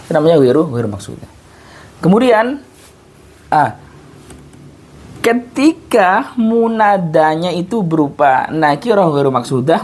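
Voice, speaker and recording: A man's voice: on the high side, gravelly, a little mellow, slightly rough. A male teacher giving a casual, repetitive grammar lesson, often breaking off mid-word and restarting. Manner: casual classroom talk with tags like "ayo" and "gitu". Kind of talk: informal recorded grammar lesson.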